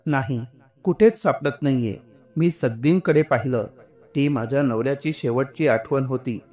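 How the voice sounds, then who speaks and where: A man's voice: mid-range voice, normal speed, darkish tone, natural voice. A wealthy middle-aged woman speaks in helpless distress, voiced by a man reading the story. Her talk is anxious and pained.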